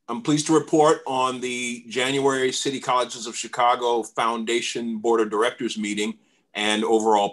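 Male trustee, mid-pitched, steady read-through of a report on a video call. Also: rough recording. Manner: reads prepared remarks steadily. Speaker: trustee giving a foundation report. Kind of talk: formal report at an online board meeting. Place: home room on a video call.

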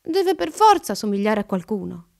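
A woman's voice: mid-range voice, sing-song, normal speed, creaky, darkish tone, voice pushed up. A woman voicing an earnest young girl asking questions in a storybook reading. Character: little girl, anxious older sister.

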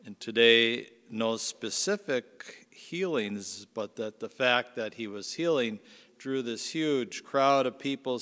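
Slow-spoken priest in a cathedral echo. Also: male voice, medium pitch, a bit bright. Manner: measured, unhurried liturgical delivery. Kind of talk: gospel reading and homily. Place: large church. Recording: long church reverb.

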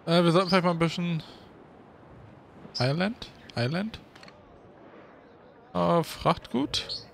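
A man giving casual gameplay commentary as a Let's Play host, thinking aloud in a relaxed, chatty way. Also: high-pitched, normal speed, vocal fry, slight background noise.

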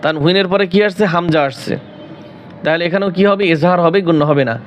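A man teaching Quran recitation, spelling out words and asking questions he answers himself, then chanting drawn-out melodic readings. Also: high-pitched, a little hiss or hum. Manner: drawn-out melodic recitation between quick explanations.

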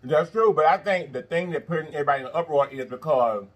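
A man in his thirties with a husky voice, chatting casually as he hosts an eating show. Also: fairly high pitch, quick pace. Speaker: mukbang show host. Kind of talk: casual chat while eating. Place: indoor studio, seated at a table of food.

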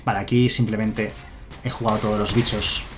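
Chatty Spanish streamer over soft music. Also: male voice, on the low side, level tone, a little fast. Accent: Spain Spanish. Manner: chatty, answers chat, muses aloud. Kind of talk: casual live-stream commentary. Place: home room with a chair.

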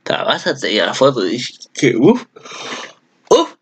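A man's voice: mid-range voice, wildly swooping pitch, measured pace, a little hiss or hum. A man, chatting casually as channel host in a rambling way, often correcting himself. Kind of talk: casual anime commentary.

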